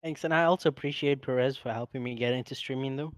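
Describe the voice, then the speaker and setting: A man's voice: medium pitch, fairly even intonation, fast talker, no room sound, clean studio sound. A man who streams, chatting casually with slang and swearing. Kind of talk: casual chat.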